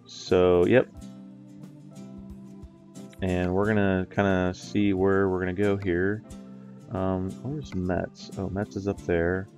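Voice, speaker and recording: An American let's play host, stuffy and nasal from a cold, gives casual commentary while playing a driving game. His deep voice is level and a little mellow, slow with frequent pauses, and he rambles with many ums and uhs over faint music.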